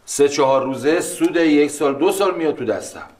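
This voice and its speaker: An actor playing a boastful, scheming husband who brags and wheedles about big deals. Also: male voice, fairly high pitch, darkish tone, lightly acted. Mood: bragging. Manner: bragging, playful, wheedling. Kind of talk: TV drama acting.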